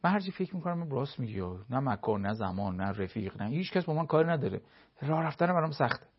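A man's voice: medium pitch, sing-song, slightly rough, dull audio. A man giving advice on a talk show, explaining his points with everyday examples and short acted-out dialogues.

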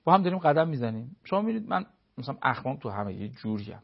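A man's voice: medium pitch, big pitch swings, vocal fry, breathy edge, muffled recording. A man giving advice on a talk show, explaining his points with everyday examples and short acted-out dialogues.

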